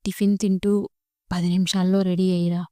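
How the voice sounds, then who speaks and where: Woman doing a stubborn young husband, blunt, dark low voice, close dry read. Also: level tone, brisk, smooth, dry recording, close to an everyday voice. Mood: curt. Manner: curt, scolding.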